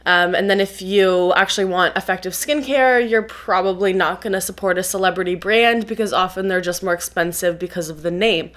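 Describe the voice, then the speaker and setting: A young woman, a biochemist who reviews skincare on YouTube, sounds stuffy and nasal from a cold. Her voice is lowish and a bit bright, brisk with few pauses, as she chats casually through an explanatory video review full of "um" fillers.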